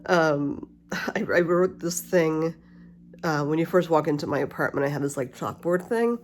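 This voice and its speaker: A woman's voice: low-pitched, moderate pace. A middle-aged woman with a slight lisp from wearing a retainer, chatting candidly and ramblingly in a casual personal vlog. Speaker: vlogger. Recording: steady humidifier hiss and faint spa music. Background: cool mist humidifier, soft spa music.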